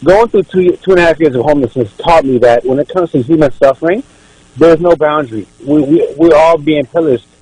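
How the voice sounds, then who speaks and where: Candidate from Ethiopia, a man with a raised, husky voice, dry studio sound; earnest, stumbles and repeats words. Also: fairly high pitch, fairly quick, mellow, no room sound, rough recording. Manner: repeats words and restarts often. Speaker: political candidate, radio guest. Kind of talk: earnest political argument. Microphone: radio studio microphone.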